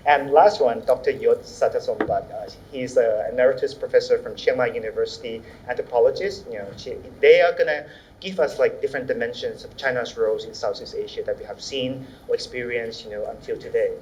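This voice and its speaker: A man's voice: mid-range voice, a little fast, a little mellow. A man moderating a panel with informal introductions, speaking hesitantly in loose phrases and searching for words. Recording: echoey, slightly dull, faint noise.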